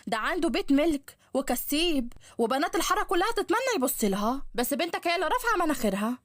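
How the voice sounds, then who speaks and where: A woman voicing a sharp, nagging stepmother with an Egyptian accent. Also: high-pitched, sing-song, quick pace, no echo. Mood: shrill. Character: shrill scheming middle-aged stepmother.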